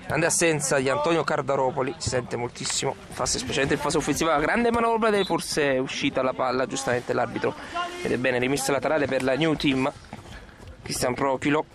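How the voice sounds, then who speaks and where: A man giving excited Italian goal commentary on an amateur football match, exclaiming and drawing out big moments, recorded outdoors on a handheld camera. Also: mid-range voice. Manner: exclaiming, drawn-out shouts on big plays. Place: outdoor floodlit five-a-side pitch at dusk. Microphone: handheld camera at the pitch side. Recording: outdoor camera audio with crowd noise.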